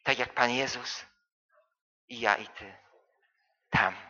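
A man preaching a sermon, full of rhetorical questions and repetition, swinging from soft to loud. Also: mid-range voice, takes it slowly, lo-fi sound.

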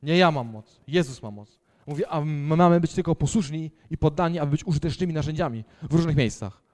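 Young guy preaching, telling his testimony, mellow low-ish tone, gets emphatic. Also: fairly quick. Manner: storytelling, emphatic, quiet asides. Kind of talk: sermon testimony.

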